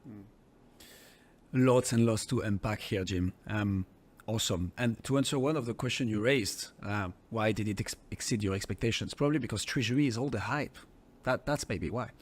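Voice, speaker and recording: A man's voice: fairly low pitch, moderate pace. A man with a French accent hosting an interview podcast, casual and upbeat, with eager interjections. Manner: friendly, enthusiastic interjections. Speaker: podcast host.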